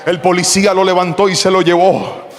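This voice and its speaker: A male pastor, preaching a sermon and acting out a story, animated, often shouting the quotes. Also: high voice, brisk, in a large hall, a little hiss or hum.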